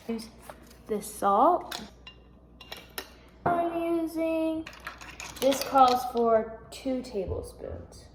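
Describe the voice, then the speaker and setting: A woman's voice: high-pitched, slight background noise. A woman vlogging in her home kitchen, chatty and rambling, thinking aloud as she cooks. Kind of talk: casual cooking vlog chat. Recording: echoey kitchen room.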